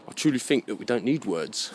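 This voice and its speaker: A British vlogger with a mid-range voice delivers a rambling, opinionated monologue, speaking in an animated, fairly quick way. He's emphatic, leans on rhetorical questions, and checks that the listener understands. There's a little hiss or hum on the recording.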